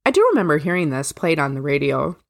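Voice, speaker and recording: A woman co-hosts a casual music podcast with a frank, easy manner, laughing often. Her voice is notably low for a woman. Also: very animated, fast, creaky. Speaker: podcast co-host. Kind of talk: casual chat.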